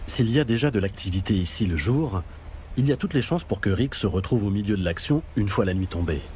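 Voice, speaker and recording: A man's voice: fairly low pitch, expressive, fairly quick, dark tone, a little hiss or hum. A man reading scripted narration for a nature documentary.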